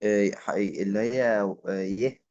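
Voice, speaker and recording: Male student, Egyptian accent, unsure answers, low voice, dull dry recording. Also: fairly even intonation, fairly quick, a little mellow, no room sound. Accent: Egyptian Arabic. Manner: hesitant, starts with "aah" before answering.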